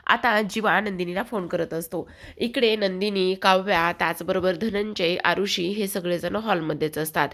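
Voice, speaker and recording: Woman narrator, serial recap, steady storyteller. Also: on the low side, normal speed. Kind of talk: retelling a TV serial episode.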